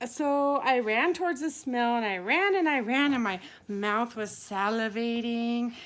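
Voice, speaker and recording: Woman, storyteller, playful, laughs a lot, slow unhurried delivery, high voice. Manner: animated, playful, laughs often while telling. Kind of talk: improvised bedtime-style story for a child.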